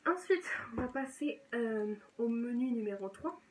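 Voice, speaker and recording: Chatty young French-speaking woman, bright. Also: a little high, animated, a little slow, background noise. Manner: chatty, enthusiastic, self-correcting. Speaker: book vlogger. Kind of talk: casual chat.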